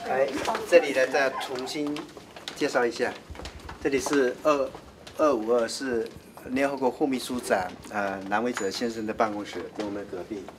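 A man's voice: medium pitch, fairly even intonation, normal speed. A man guiding visitors through offices and an exhibition hall, talking in a welcoming way with many fillers. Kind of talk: casual guided tour. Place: indoor office building. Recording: distant, noisy camera audio.

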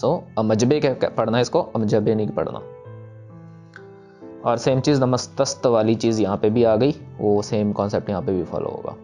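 A young man teaching the pronunciation of sacred verses, patiently repeating lines slowly syllable by syllable. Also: fairly low pitch, fairly even intonation, dark tone, faint music behind. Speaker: teacher of scripture recitation. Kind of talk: step-by-step pronunciation lesson, slow chanted examples.

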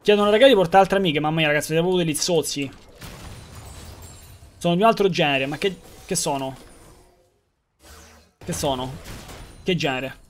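High-voiced streamer man. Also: normal speed, long pauses, a little hiss or hum. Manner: rambling, joking, swearing, talks to chat. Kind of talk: live gaming stream chat.

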